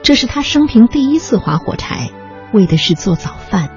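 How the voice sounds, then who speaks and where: A narrator calmly reading a memoir aloud, in a measured storytelling manner. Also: mid-range voice. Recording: slightly muffled recording with faint music.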